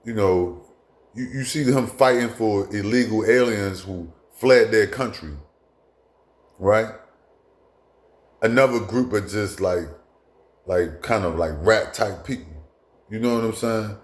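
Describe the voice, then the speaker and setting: A man's voice: lowish voice, slow, pauses often. Blunt, profane man in an echoey room. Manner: blunt, profane, repetitive with many asides and restarts. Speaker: commentator. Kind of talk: casual monologue.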